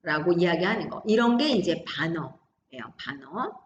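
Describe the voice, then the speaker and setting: A woman teaching a high school Korean class online, talking students through examples with frequent tag questions. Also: sing-song, normal speed, reverberant, lo-fi sound, slight background noise. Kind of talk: recorded online class lecture.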